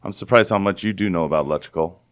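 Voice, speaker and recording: Deep-voiced man with morning voice. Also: very fast. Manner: relaxed, chatty, bit groggy. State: early-morning voice. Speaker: podcast host. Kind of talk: casual chat.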